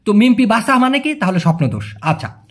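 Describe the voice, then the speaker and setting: A man teaching a casual language lesson, chatty and joking, often asking his listeners whether it is clear. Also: sits high, sing-song, fast, a bit bright. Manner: chatty, explains with repeated questions and jokes.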